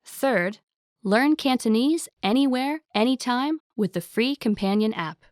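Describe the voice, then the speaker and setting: A woman's voice: fairly high pitch, expressive, unhurried, darkish tone, no room sound, clean studio sound. A woman reading a scripted promotional ad in an upbeat, salesy way. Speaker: ad announcer.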